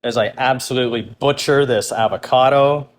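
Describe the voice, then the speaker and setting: A man's voice: medium pitch, fairly even intonation, normal speed. A man speaks as a cooking show host, casually talking viewers through each step as he works. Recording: clear background noise while cooking.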